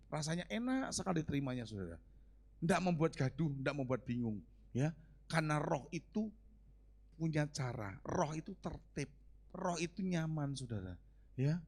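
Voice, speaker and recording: A male pastor, preaching a conversational sermon. He keeps asking the congregation questions and moves between quiet asides and loud emphatic lines. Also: on the high side, lively intonation, normal speed.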